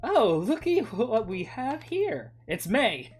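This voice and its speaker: A man's voice: very high voice, very animated, takes it slowly, breathy edge, soft background music, pitched above the performer's own voice, heavily acted. A man putting on a creepy, drawling stranger. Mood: menacing. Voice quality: scary, drawling. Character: menacing woman stranger with a gun, sinister.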